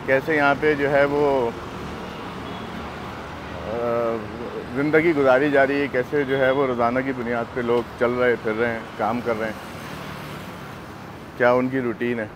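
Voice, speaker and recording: A middle-aged man from Pakistan narrating a casual walking travel vlog outdoors on a lapel mic, unhurried and chatty with many fillers. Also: mid-range voice. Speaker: travel vlogger. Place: busy city street outdoors. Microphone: clip-on lapel mic. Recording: outdoor street noise. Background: street traffic.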